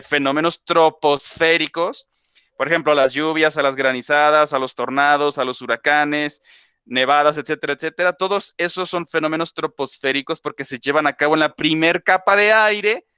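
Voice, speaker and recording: Bright, crisp-voiced man teaching a class. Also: a little high, moderate pace, no room sound, studio quality. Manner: explains with homely examples, restarts and self-corrections. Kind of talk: conversational class lecture.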